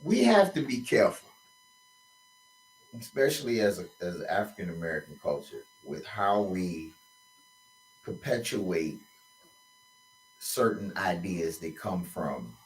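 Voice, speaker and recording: A man hosting a talk show, explaining his views in a slow, measured, lecturing way. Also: sits low, sing-song, distant mic, poor audio. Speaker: host. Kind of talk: conversational commentary.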